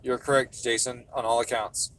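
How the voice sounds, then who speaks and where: A man's voice: medium pitch, little pitch movement, moderate pace, a bit bright. A man hosting a casual stream from a tuning shop, swearing freely and answering viewer questions. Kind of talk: casual livestream chat.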